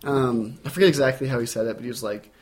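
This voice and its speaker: A man's voice: medium pitch, a little mellow. Casual, affirming male interviewer. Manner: casual, affirming, quick questions. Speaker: podcast interviewer. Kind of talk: interview conversation.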